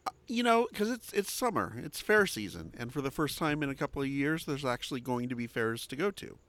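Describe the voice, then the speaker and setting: A man's voice: mid-range voice, sing-song, fairly quick, a bit bright. A man from Southern California, co-hosting a casual podcast with dry, wry quips. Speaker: podcast co-host.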